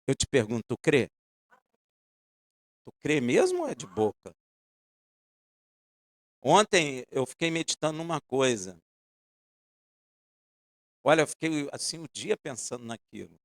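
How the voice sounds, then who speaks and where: A man preaching a sermon, asking the congregation pointed questions and swinging between loud emphasis and quiet asides. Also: mid-range voice, big pitch swings, a little slow, pauses often, no room sound.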